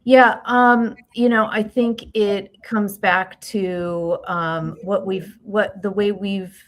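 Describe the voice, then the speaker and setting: A woman with a New York accent, a guest expert in an interview, talking in halting starts and restarts with frequent tag questions. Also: medium pitch, steady tone. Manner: halting, many fillers and restarts, "right?" tags. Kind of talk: interview conversation.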